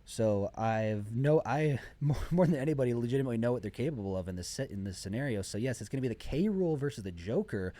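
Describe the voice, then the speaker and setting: A man's voice: mid-range voice, animated, fast talker, few pauses, mellow, dry recording. A man commentating live on a video game match in an esports caster style, talking at length through the plays. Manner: esports caster delivery, talkative, exclaims over plays. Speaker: esports commentator, also a player. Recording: music behind the voice.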